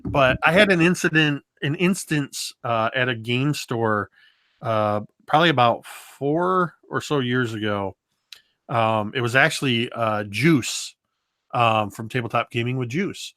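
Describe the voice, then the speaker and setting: Man, game master guest, storyteller, mid-pitched, dry close sound. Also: measured pace, no echo. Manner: lively storyteller, does voices and moves around. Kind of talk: casual interview talk.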